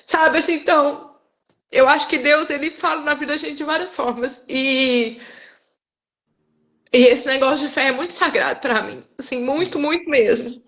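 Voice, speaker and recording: A woman's voice: high voice, moderate pace. A woman with a Brazilian accent, a guest sharing an emotional personal testimony and acting out the dialogue as she tells it. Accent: Brazilian Portuguese. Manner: expressive, animated storyteller who acts out dialogue. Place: live online broadcast.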